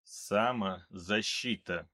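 A man reading an audiobook, voicing a cold, calm male mercenary who speaks in a flat, unhurried way. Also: lowish voice. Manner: flat, even, unhurried delivery.

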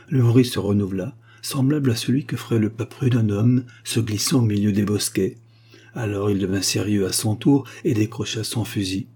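A man reading a short story aloud in a steady, even storytelling manner. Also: on the low side, breathy edge. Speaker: audiobook narrator.

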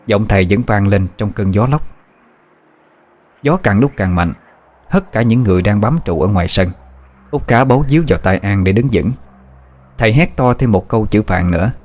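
Low-voiced male story narrator. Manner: steady storytelling.

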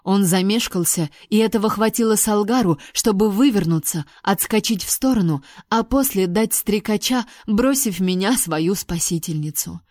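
A woman reading a first-person fantasy audiobook with lively, expressive storytelling. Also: mid-range voice, normal speed, hardly any pauses, no echo, studio quality. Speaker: audiobook reader.

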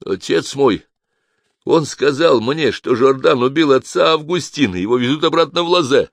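A man reading an audiobook, voicing a frightened, hoarse jail guard who pleads and nearly cries. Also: mid-range voice, expressive, moderate pace, no echo, studio quality, voice pushed up. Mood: desperate. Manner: panicky, pleading, near tears. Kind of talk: audiobook character voice.

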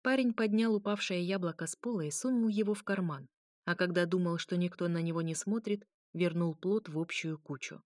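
A woman narrating a fantasy novel as an audiobook, in an even storytelling read. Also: lowish voice, fairly quick, dry recording, studio quality. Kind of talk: scripted narration.

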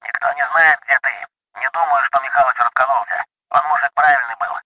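A male narrator voicing an anxious, loyal young friend who speaks urgently and in a hushed, streetwise way over a phone-like filter in an audiobook. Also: medium pitch, fairly even intonation, brisk, dry recording, pitched above the performer's own voice. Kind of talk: audiobook character voice.

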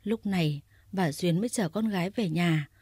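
A woman reading a story aloud in a steady, even narrating voice. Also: fairly low pitch, normal speed, husky, no room sound, clean studio sound.

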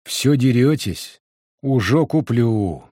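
A man's voice: mid-range voice, expressive, slow, mellow, no room sound, studio quality. A man voicing a bearded peasant father who teases his children fondly in a storybook reading. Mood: fond teasing.

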